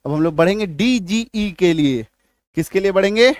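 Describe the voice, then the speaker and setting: A man's voice: sits high, expressive, moderate pace, no room sound, clean studio sound. A man teaching a spelling lesson step by step, often stopping to ask if the learner has understood. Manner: repeats checks like "ठीक है?" and "आया समझ में?" often; patient, step-by-step explaining. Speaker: English teacher.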